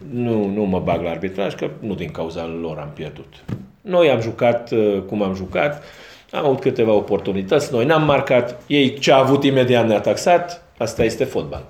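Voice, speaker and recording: A man's voice: fairly low pitch, animated, darkish tone. A man speaking as a football coach at a post-match press conference, frank and self-critical. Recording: roomy echo.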